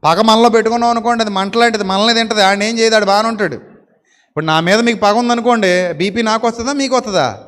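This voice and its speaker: A male pastor preaching a sermon, animated, with many rhetorical questions and playful mock quotes. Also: high voice, fast, big-room sound.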